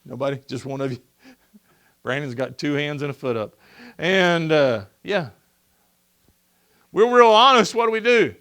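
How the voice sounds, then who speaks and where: Pastor guy preaching in church, high bright voice, animated, keeps asking the crowd stuff. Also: a little slow, pauses often. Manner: animated, asks the congregation questions and acts out voices. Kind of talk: sermon. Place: church sanctuary.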